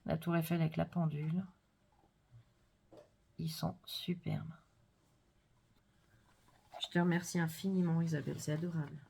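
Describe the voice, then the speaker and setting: A woman vlogger chatting casually and gushing softly as she unboxes crafts, sometimes dropping to a whisper. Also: deep voice, level tone, normal speed, vocal fry, pauses often, slight background noise. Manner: gushing, soft-spoken, drops to whispers. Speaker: scrapbooking vlogger.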